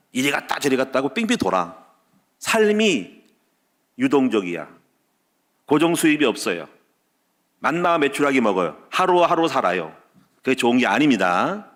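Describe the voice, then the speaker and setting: A man preaching a sermon as pastor, stacking short repeated clauses and telling personal stories, with loud peaks and quiet dropped endings. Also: medium pitch. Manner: tells personal stories with laughter. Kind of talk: Wednesday service sermon.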